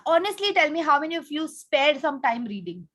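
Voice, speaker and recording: A woman with an Indian accent hosts an online kids' class by video call, encouraging and instructing the children as she interacts with them. She talks briskly in a high-pitched, fairly bright voice with big pitch swings.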